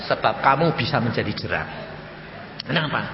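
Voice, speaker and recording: Animated preacher man, echoey hall. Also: moderate pace, muffled recording, background noise. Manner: animated storytelling preacher, acts out dialogue with sudden high pitch jumps. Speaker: pastor. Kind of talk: sermon.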